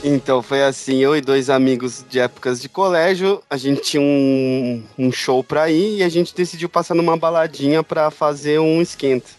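A man's voice: on the high side, normal speed, few pauses, darkish tone, soft background music. A young man, a podcast co-host telling a party story among friends, laughing often.

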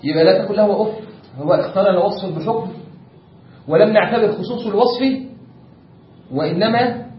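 A man's voice: sits high, fairly quick, pauses often. A man with an Egyptian accent teaching a class on Islamic jurisprudence, explaining step by step and often checking whether the class follows. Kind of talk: classroom lecture. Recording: echoey room, distant lo-fi mic with faint noise.

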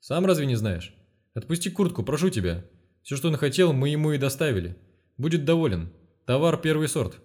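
A shifty male street dealer, played by an audiobook reader, wheedling and evasive. The voice sits higher than the reader's usual and keeps slipping away from the question. An audiobook character reading. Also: very animated, a little fast, darkish tone.

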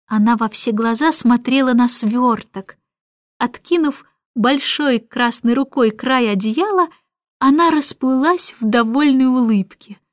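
A woman narrating a children's storybook in an expressive, measured way. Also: a little high, no echo, studio quality. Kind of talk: scripted audiobook narration.

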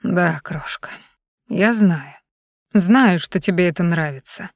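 A woman voicing a smug male lover with a slightly husky voice in a spoken erotic story. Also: fairly low pitch, slow, no room sound, clean studio sound.

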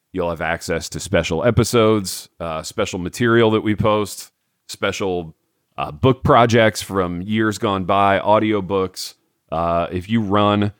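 A man co-hosting a podcast in casual chat, laid-back and drawn-out, trailing off quietly, and short on sleep. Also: on the low side, no room sound, studio quality. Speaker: podcast co-host.

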